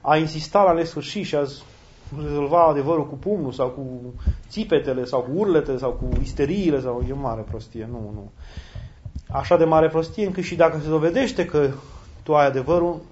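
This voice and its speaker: Priest guy giving a sermon, kinda high voice, animated, dull lo-fi recording w faint hiss and clicks. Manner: animated, pitch leaps high when quoting others. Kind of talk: sermon answering questions.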